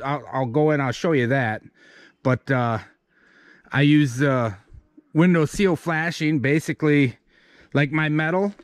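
With a fairly high pitch and no echo, a homesteader talks casually while touring his barn build, both outside on the rural site and inside the wooden building. His commentary wanders, folksy and self-deprecating, as he points out his work.

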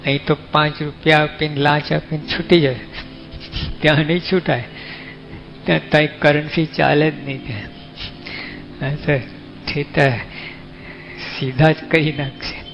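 A man's voice: a little high, level tone, normal speed, gravelly, long pauses. A man with a Gujarati accent, giving a folksy, conversational sermon as a monk, often asking his listeners questions. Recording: dull lo-fi recording with faint music.

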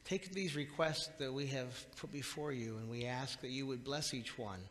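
Middle-aged pastor, earnest halting prayer, mid voice, long church reverb from the back. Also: male voice, mid-range voice, fairly bright tone. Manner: earnest, halting with repeated words. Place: small church sanctuary, indoors. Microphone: far camera at the back of the church. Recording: reverberant church hall, faint room hiss.

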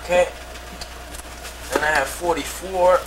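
Captured by a distant camcorder mic on a hissy old VHS home tape, a man presents his comic collection indoors like a mock TV host. His voice is high-pitched, with fairly even intonation and a measured pace.

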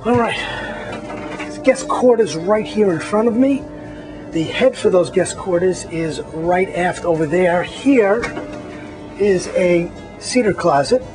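Over music, a magazine editor slowly walks viewers through a boat, calling out its features one at a time in upbeat narration. His voice sits high, with lively intonation.

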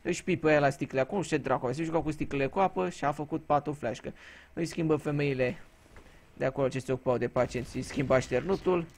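A man's voice: a little high, a little mellow. A man from Romania giving casual gameplay commentary, telling crude, joking stories and swearing freely. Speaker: gaming YouTuber.

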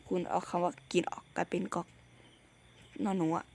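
A man's voice: high-pitched, flat delivery, normal speed, creaky, darkish tone. A man giving a casual game walkthrough, rambling and jokey, often dropping to a whisper. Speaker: game channel host.

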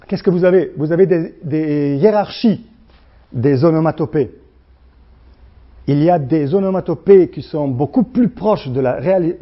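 A man with a Slavic accent, a native Slovene speaker, giving a university lecture in a halting way, full of restarts and fillers, acting out the sounds he discusses. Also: fairly high pitch, dull audio. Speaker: guest lecturer.

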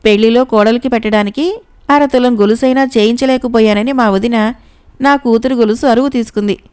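A woman's voice: on the high side, brisk, darkish tone, clean tone, natural voice. A woman voicing a shrewd, middle-aged uncle who questions and speaks firmly. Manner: questioning and firm.

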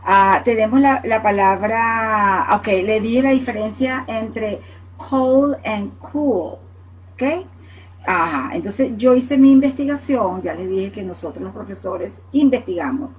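A woman's voice: medium pitch, lively intonation, takes it slowly, breathy edge, low-quality recording. A woman from Latin America teaching English words in Spanish on a live online class, explaining patiently and checking in with "ok?" after each point. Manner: answers viewers' questions by name. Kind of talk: live online language lesson.

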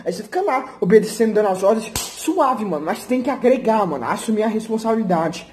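A man's voice: high voice, lively intonation, quick pace, darkish tone, a little hiss or hum. A young man, an athlete vlogger, giving a brash, profane, slang-filled motivational rant and boasting about himself.

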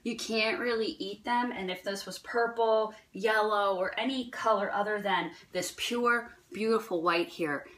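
A woman with a New Jersey accent and a medium-pitched, fairly bright voice talks a little slowly, with fairly even intonation and few pauses. As a holistic health vlogger, she guides viewers through gathering and cooking mushrooms in a playful, rambling, chatty casual vlog.

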